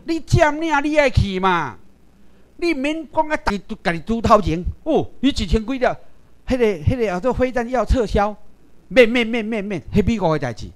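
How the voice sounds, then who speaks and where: A man from Taiwan lectures a class in a high voice. His pitch swings widely as he presses his points. He keeps turning to the audience with direct rhetorical questions. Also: animated, normal speed.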